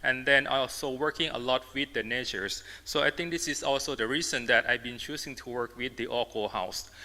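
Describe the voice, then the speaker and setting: A native Thai speaker from Thailand, an artist and designer, presents at a symposium in halting, emphatic English with a Thai accent. His mid-range voice sounds pushed and bright. The amplified talk echoes through a large, reverberant indoor hall.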